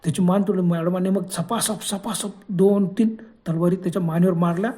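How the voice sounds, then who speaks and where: A man's voice: high voice, fairly even intonation, fairly quick, dark tone. A man telling a horror story as its narrator, in a dramatic, suspenseful way.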